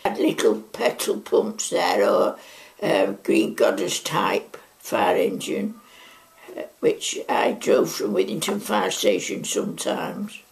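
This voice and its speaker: An elderly Mancunian woman in her nineties, recorded at home on a lapel mic as she recounts her past. Her voice is gravelly and swings widely in pitch. She talks in a chatty, wandering way full of side remarks. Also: wildly swooping pitch, slow, a little mellow. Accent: Mancunian English. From Manchester, England. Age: 90s. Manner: chatty, rambling reminiscence with frequent asides. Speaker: interviewee. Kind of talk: oral history recollection. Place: living room at home.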